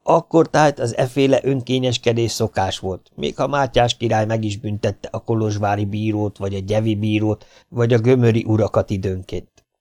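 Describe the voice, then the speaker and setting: Low-voiced male audiobook narrator, wry storytelling, dry recording. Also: steady tone, darkish tone, no room sound. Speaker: audiobook reader.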